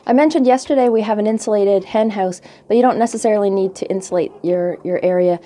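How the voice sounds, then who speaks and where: A woman's voice: medium pitch, fast. A woman from Canada in her forties, casually explaining her chores as she films herself outdoors by a snowy hen house on a handheld phone. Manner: relaxed, chatty, thinking aloud. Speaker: homesteading vlogger. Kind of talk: casual how-to narration.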